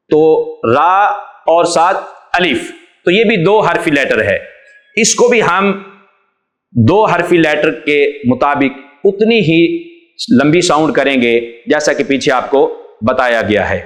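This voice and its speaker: Man, patient teacher, slightly high voice, echoey room, children's letter-reading lesson. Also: lively intonation. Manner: patient, explains each letter then draws it out slowly.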